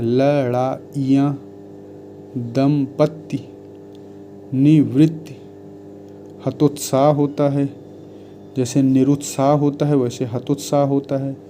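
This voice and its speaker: Slow, dark-voiced man teaching Hindi spelling. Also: medium pitch, slight background noise. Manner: slow, measured word-by-word dictation. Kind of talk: spelling lesson, reading word lists.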